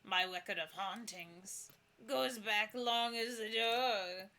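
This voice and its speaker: A woman performs a boastful old ghost gentleman from a video game. He talks slowly in creaky, old-timey phrases, with a forceful edge. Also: mid-range voice, voice pushed up. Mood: proud. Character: boastful ancient male plague ghost in a top hat.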